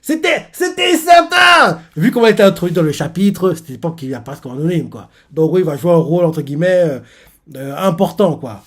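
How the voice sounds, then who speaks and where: A man reading a manga aloud on a live stream and reacting as he goes. He rambles, padding his sentences with fillers and repeats. His voice sits a bit high for a man. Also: fairly quick, dark tone.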